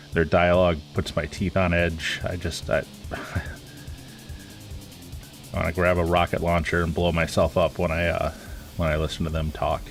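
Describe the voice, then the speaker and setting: A man with a very low voice talks through his game in a loose, rambling way as a streamer. He sounds stuffy and congested from a cold. Faint music plays behind him. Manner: casual, rambling, relaxed. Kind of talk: live gameplay commentary.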